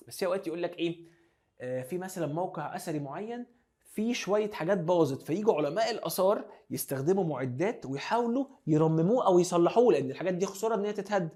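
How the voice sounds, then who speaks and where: Egyptian guy teaching english words, quick and a bit high, switches arabic and english a lot. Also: a little mellow. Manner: drills pronunciation, mixing Arabic and English. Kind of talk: classroom lesson explanation.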